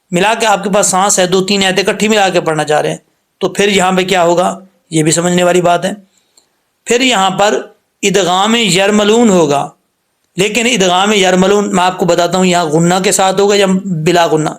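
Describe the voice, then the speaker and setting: A man with a fairly high voice teaches the rules of Quran recitation step by step. He is patient and repeats himself often, and he stretches out slow, sung demonstrations of single sounds. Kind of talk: tajweed lesson, explaining and demonstrating letter sounds.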